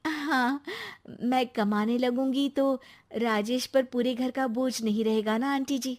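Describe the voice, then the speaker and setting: A woman's voice: fairly high pitch, fairly even intonation, unhurried, darkish tone, pitched above the performer's own voice, natural voice. A woman voicing a cheerful, chatty young daughter-in-law in a cartoon.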